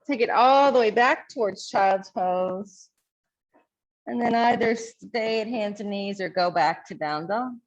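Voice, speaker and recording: A woman leading a yoga class, calmly and encouragingly cueing each pose and stretch. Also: mid-range voice, measured pace, dull audio. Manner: calm, encouraging cueing of poses. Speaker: yoga instructor. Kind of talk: guided yoga class instruction.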